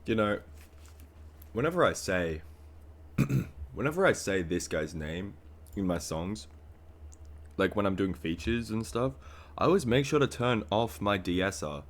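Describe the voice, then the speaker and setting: A man with a low voice gives casual reaction commentary on a song. He rambles, piling up fillers and false starts. His tone stays relaxed and conversational. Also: unhurried, pauses often. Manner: rambling, with many fillers and restarts. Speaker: music reaction streamer.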